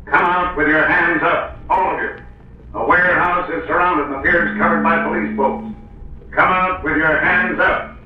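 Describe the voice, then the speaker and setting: A police chief on a loudspeaker. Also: male voice, on the high side, steady tone, moderate pace, very echoey, far from the mic. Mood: commanding. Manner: barks clipped orders. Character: stern commanding middle-aged male police chief. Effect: through a truck loudspeaker. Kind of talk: 1940s radio acting. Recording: tinny old radio broadcast with faint hiss.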